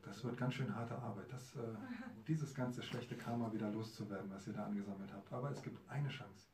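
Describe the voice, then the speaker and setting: A man's voice: fairly low pitch, fairly even intonation, a little fast, a crowd in the background, natural voice. A man voicing a stern, commanding male divine lord in a told religious story, recorded in an echoey room from a distance with an audience. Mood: instructing. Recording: roomy hall, mic far, audience.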